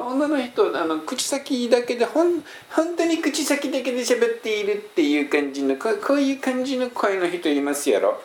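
Gravelly Kansai man rambling casually. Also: medium pitch, a little mellow. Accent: Kansai Japanese. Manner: rambling, hesitant, many fillers, mixes in English phrases. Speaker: host answering listener questions. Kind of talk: casual chat.

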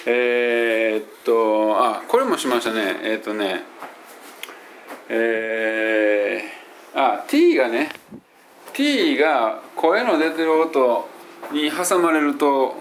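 A man who teaches English pronunciation, chatting loosely in an audio diary with many fillers and self-corrections, and slowing down to demonstrate English phrases. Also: on the low side, a little hiss or hum. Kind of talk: casual spoken audio diary.

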